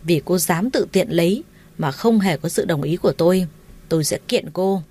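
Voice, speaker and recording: A cold young husband with a curt, dismissive edge, read by a woman storyteller. The voice sits low and plain, barely shifted from the narration. It sounds like a calm audiobook take on the character. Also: normal speed. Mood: scornful.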